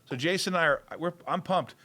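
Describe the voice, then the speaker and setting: A man hosts a casual livestream, chatting in an excitable, rambling way. His voice is bright and forceful and sits a little high for a man. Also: fairly quick. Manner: excitable, rambling, repeats words. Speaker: show host.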